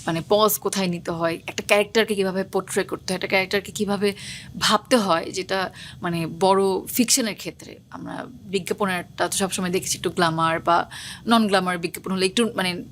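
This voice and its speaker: A young woman, an actress, talking quickly and casually in an interview, dropping English words into her speech. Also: mid-range voice, fairly even intonation, slight background noise. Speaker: actress guest.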